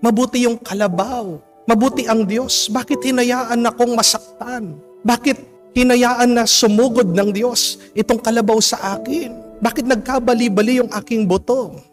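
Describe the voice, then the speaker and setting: A man's voice: very high voice, normal speed, over music, pitched above the performer's own voice. A man voicing a hurt, bewildered young boy who plaintively asks why he was harmed. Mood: confused, hurt.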